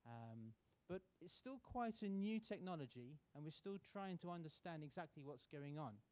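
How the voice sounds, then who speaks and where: A relaxed, British-born man with a mellow voice pitched on the high side gives a welcome speech at a contest in a university auditorium. Speaking as a sponsor representative, he halts often, filling gaps with fillers and restarting sentences.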